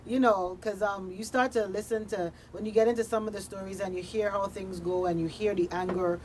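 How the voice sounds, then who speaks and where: A woman with a mid-range, slightly mellow voice speaks fairly quickly with fairly even intonation, and the audio is poor. She's a radio drama producer appearing as a studio guest, talking earnestly and conversationally in a discussion and repeating phrases for emphasis. Noticeable background noise and room ambience are present.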